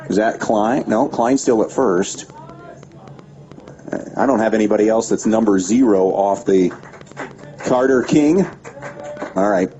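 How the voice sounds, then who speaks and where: A man calling a high school baseball game play by play on local radio, giving steady pitch-by-pitch calls with stats between pitches. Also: unhurried, pauses often, faint music behind. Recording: dull lo-fi radio broadcast with faint background noise.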